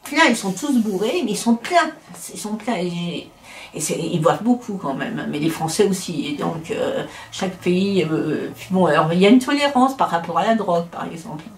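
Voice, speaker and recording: A woman's voice: lowish voice, expressive, moderate pace, a little hiss or hum. Opinionated talkative Frenchwoman in echoey room. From France. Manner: talkative, opinionated, many restarts. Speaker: interviewee. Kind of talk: casual conversation. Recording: roomy echo.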